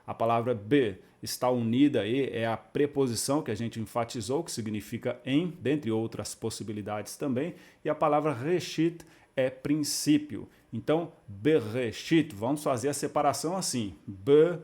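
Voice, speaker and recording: A man teaches in a calm, methodical way. He explains each step patiently and slows down to sound out syllables. His voice sits at a middle pitch. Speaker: Biblical Hebrew teacher. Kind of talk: explanatory video lesson.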